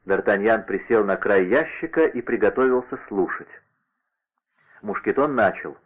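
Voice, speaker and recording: A man reading a novel aloud in a measured, even scripted narration. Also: lowish voice. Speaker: audiobook reader. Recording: narrow radio-like sound.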